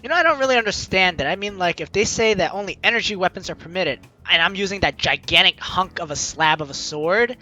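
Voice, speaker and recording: A man hosts a gaming video as a let's player, reading the game's narration aloud and chatting casually with playful asides while game music plays behind him. His voice sits high and sounds bright and pushed, and he talks fast with hardly any pauses.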